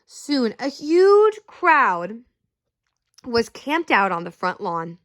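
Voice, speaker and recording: A storyteller with a slightly high voice reads a children's picture book aloud, slow and expressive. She pauses now and then to ask her young listeners questions.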